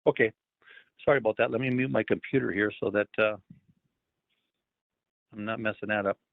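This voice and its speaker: A man's voice: on the low side, steady tone, normal speed, creaky, no echo. A man speaking over a phone line on an online call, giving a casual career talk with lots of ums and uhs. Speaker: federal wildlife agency staffer giving a career talk. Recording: tinny phone line, dry.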